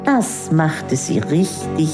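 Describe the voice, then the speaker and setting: A woman calmly reading a children's story aloud. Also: low-pitched, loud music behind the voice. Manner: calm, unhurried narration. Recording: echoey room with long reverb.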